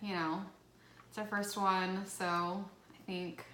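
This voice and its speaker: A woman's voice: medium pitch, level tone, slow, pushed and bright. A woman with a Southern US accent hosting a casual food vlog, chatting with lots of fillers. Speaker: vlog host. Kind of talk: casual chat. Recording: echoey room, faint noise.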